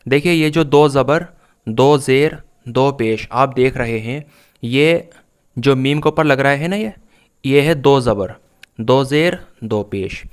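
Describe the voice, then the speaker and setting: A man's voice: medium pitch, clean tone. A man teaching a reading lesson, patiently explaining step by step and repeating the sounds in drills. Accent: Pakistani Urdu.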